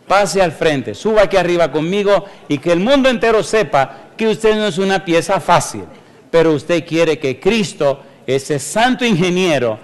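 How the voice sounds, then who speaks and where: A man's voice: medium pitch, big-room sound. A man preaching a sermon in a church, telling a story and then urging people to come forward, in an emphatic, pleading way. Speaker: pastor. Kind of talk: sermon with altar call.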